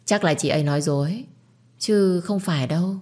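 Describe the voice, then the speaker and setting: A woman's voice: on the low side, normal speed, a little mellow, lightly acted. A woman voicing a scheming young girl who talks in a sweet, wheedling way. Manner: sugary, wheedling.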